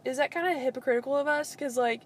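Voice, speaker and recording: A woman's voice: high-pitched, fast. A young woman co-hosting a casual pop-culture podcast, rambling with lots of filler words. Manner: rambling, filler-heavy with frequent "like". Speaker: podcast co-host.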